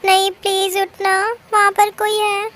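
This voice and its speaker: Girl doing a scared young woman muttering to herself, super high-pitched, pleady. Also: completely flat delivery, unhurried, fairly bright tone. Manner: anxious, pleading, talking to herself. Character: timid young woman, easily scared at night.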